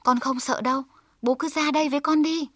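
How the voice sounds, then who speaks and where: A woman's voice: high-pitched, fairly even intonation, fairly quick, fairly bright tone, dry recording, studio quality, pitched above the performer's own voice. Woman doing a timid, overworked young man. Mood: pleading. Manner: pleading, fearful. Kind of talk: storybook voice.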